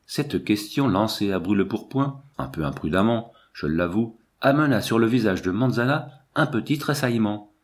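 A man narrates a novel in the first person, keeping a measured pace with a wry edge. His voice sits slightly low. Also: expressive. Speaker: audiobook narrator.

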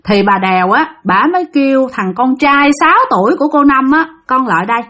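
A woman with a Southern Vietnamese accent narrating a spooky tale in a chatty, conversational way. Her voice sits a little high, and she keeps turning to her listeners as she tells it. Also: expressive, fairly quick, a bit bright. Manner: chatty, addresses listeners directly. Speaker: storyteller. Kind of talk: spoken ghost-story narration.

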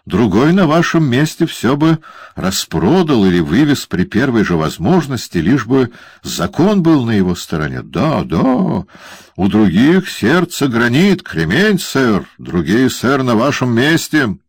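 A fawning, scratchy-voiced lawyer, as a male reader plays him, flattering in a high, thin voice. His lines rise and dip eagerly, heard close and dry. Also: measured pace, slightly rough, dry recording, heavily acted. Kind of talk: audiobook character voice.

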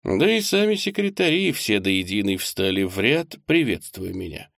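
Man, audiobook narrator, first-person, lower pitch, close dry sound. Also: very animated, moderate pace, gravelly, a bit bright, dry recording.

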